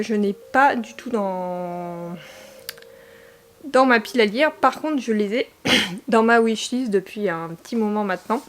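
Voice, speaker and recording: A young woman talking casually about books she plans to read and reading their summaries aloud, with many fillers and restarts. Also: fairly high pitch. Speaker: book vlogger.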